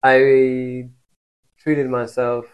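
A man's voice: medium pitch, completely flat delivery, extremely slow, smooth, muffled recording. A young man from Morocco, a podcast guest telling stories loosely and casually, with lots of filler "like". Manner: loose storytelling, heavy on filler "like".

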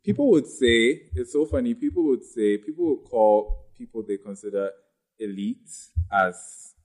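A man as a podcast guest talking casually, pausing to search for his words. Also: mid-range voice, animated, a little mellow. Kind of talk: casual discussion.

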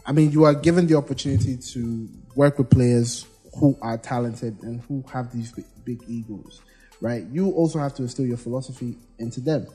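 A man co-hosting a casual football podcast, with a mellow, slightly husky voice. He talks in a hesitant way, restarting his sentences as he argues his point. Faint music sits behind him. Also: mid-range voice, normal speed. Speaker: podcast co-host.

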